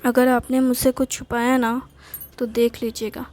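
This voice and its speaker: A woman voicing an older wife who scolds her husband curtly, sharp-tongued but loving, in an acted story. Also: fairly high pitch, little pitch movement, normal speed, faint music behind, natural voice. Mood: scolding. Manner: scolding, curt.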